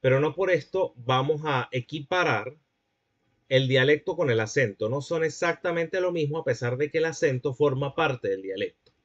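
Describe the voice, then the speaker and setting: A man's voice: medium pitch, expressive, normal speed, lo-fi sound. A man giving a classroom lecture, explaining points and checking that students follow.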